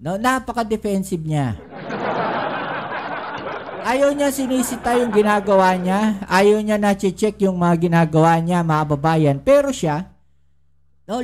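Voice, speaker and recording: Female commentary vlogger, mid-pitch, conversational, heavy on rhetorical questions and viewer asides. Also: expressive, unhurried, pauses often, a little mellow. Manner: rhetorical questions, tag "no?" and "di ba?" throughout; addresses viewers directly and often. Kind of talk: casual political commentary.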